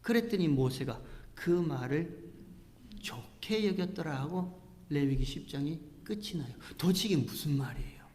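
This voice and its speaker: A male pastor with a high-pitched voice preaches a sermon in a church sanctuary. He drops to near whispers and then rises into loud, impassioned outbursts, voicing the speakers in his scripture passage as he goes. His voice rings out with a long hall reverb. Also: lively intonation, normal speed. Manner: acts out quoted speech while preaching.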